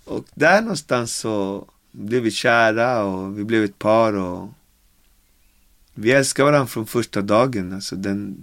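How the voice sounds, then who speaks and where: A man's voice: on the low side, no echo, clean studio sound. En man i fyrtioårsåldern från Karibien som berättar sin historia i en intervju, livligt och med många utfyllnadsord. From Caribbean. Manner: animated retelling with acted quotes and many fillers. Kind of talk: casual storytelling. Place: home with dogs.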